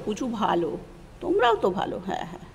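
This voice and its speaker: A woman's voice: mid-range voice, huge pitch swings, fast talker, gravelly, long reverb tail, slight background noise. A woman talking to her dogs outdoors in coaxing, sing-song baby talk. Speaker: dog owner filming her pet. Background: dogs barking.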